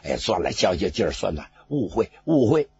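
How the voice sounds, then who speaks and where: A man doing a calm, scornful old general. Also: normal speed, full character voice. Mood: soothing, coldly polite. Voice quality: raspy. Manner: low, calm and curt. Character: cool-headed male general, quietly scornful. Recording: dull lo-fi recording.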